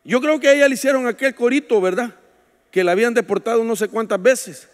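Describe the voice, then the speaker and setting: A man preaching a sermon as a pastor, telling stories with joking asides, shouting out some lines and dropping to a hush for others. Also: very high voice, fast talker. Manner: storytelling preacher, swings from shouts to hushed asides; jokes with the congregation. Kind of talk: sermon at a women's retreat. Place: church hall. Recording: long echo of a large hall.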